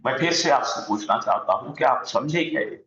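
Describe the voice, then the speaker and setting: A man teaching an online Arabic grammar lesson, slowly drilling word forms aloud on a video call. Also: mid-range voice, animated, vocal fry, a bit bright. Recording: dull echoey room sound.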